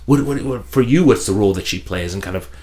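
A man hosting a podcast interview, asking long questions with many halting restarts and repeated words. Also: fairly low pitch, animated, darkish tone. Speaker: podcast host. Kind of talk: conversational interview.

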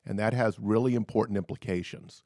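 A man on a political panel, making an analytical, measured argument. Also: on the low side, fairly even intonation, warm tone, no echo, clean studio sound.

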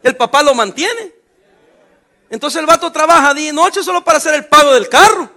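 A middle-aged pastor preaching a sermon in a joking, sarcastic, colloquial manner. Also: male voice, very high voice, lively intonation, a little fast, pushed and bright.

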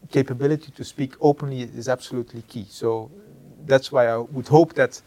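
Speaking as a company executive, this middle-aged Flemish-accented Dutch speaker describes his leadership in a medium-pitched, steady, dark voice. He frequently stops to search for words and ends points with "huh?".

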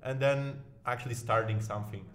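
A man's voice: mid-range voice, steady tone, a little fast. Guy guesting on a podcast, keeps doubling his words like "so, so", casual chat. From Poland. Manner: often repeats words as he starts a phrase. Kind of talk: casual interview talk.

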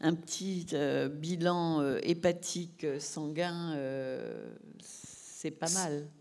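Interviewer who hesitates a lot, mid-pitched voice. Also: very animated, creaky, darkish tone. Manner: hesitant, halting. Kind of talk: casual interview questions.

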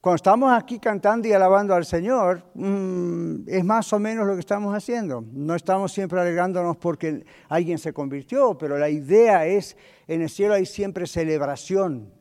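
A middle-aged male pastor preaching a sermon, animated and full of rhetorical questions. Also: sits high, normal speed. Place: church hall. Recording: long hall reverb.

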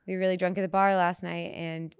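Smooth-voiced woman telling stories. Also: fairly low pitch, little pitch movement, quick pace, no room sound. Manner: chatty storyteller, laughs through stories. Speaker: podcast host. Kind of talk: casual podcast storytelling.

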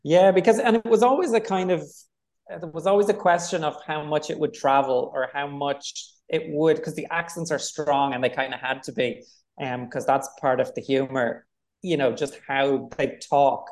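A man's voice: a little high, normal speed. A man with a Dublin accent, a film director talking casually in an interview, rambling with lots of fillers. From Ireland. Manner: rambling, relaxed, many fillers.

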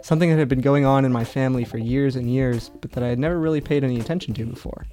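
A man's voice: medium pitch, rapid-fire, mellow. A young man with a mid-range voice narrates his own feature story in a conversational, curious tone. Faint guitar music plays underneath. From Los Angeles, United States. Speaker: student reporter. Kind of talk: first-person narrated feature.

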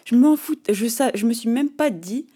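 A woman in her thirties hosting a solo podcast, telling a personal story in an animated, slangy way with lots of fillers. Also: a little high, normal speed, slightly rough. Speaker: podcast host. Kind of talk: casual solo podcast monologue.

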